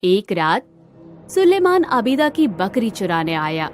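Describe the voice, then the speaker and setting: A woman narrating an animated storybook in a gentle, measured way. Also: mid-range voice, soft background music.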